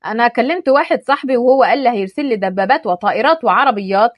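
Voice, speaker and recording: A woman's voice: a little high, expressive, racing, no echo, lightly acted. A woman voicing a joking young man with an Egyptian accent in a told story. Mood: teasing. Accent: Egyptian Arabic. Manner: joking, teasing. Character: young man, teasing joker with a soft heart.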